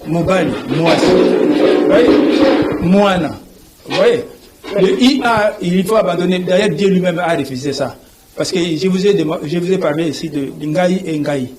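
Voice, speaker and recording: A man's voice: high-pitched, moderate pace, a crowd in the background, rough recording. A man, a language professor explaining in a TV interview, spelling out letters and often asking whether you see. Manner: didactic, repeats "vous voyez", spells out letters.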